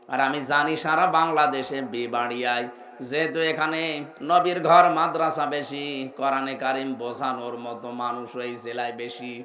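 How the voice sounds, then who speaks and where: Man, Bangladeshi Bengali accent, sermon, loud peaks and quiet drops, echoey dull PA sound, faint ambience. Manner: swings between loud shouted peaks and low quiet asides, chants verses; questions and drills the crowd like a class. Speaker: preacher. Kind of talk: sermon to a large outdoor gathering.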